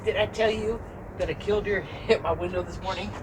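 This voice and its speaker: A woman chats in a relaxed, giggly way at home. Her voice sits at an ordinary pitch. Steady background noise and household ambience are clearly audible behind her. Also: brisk. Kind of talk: casual chat.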